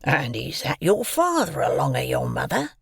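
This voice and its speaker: A man voicing a hungry, threatening escaped convict, speaking in slow, growling, half-whispered threats. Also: medium pitch, wildly swooping pitch, vocal fry, husky, no room sound, studio quality, full character voice. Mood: menacing. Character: menacing ragged male convict, hungry and threatening.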